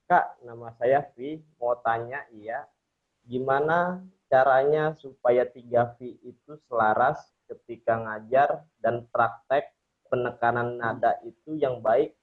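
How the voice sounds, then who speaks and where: A man hosting a webinar, reading out audience questions in a measured way. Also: mid-range voice. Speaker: webinar host. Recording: tinny phone-like call line.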